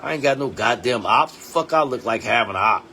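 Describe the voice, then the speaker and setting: Man, 40s, stream host. Blunt, preachy, streetwise; mid-pitched voice, faint background noise. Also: lively intonation, brisk, creaky. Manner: blunt, preachy, streetwise slang, drops low and quiet to drive points home. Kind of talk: casual live stream talk.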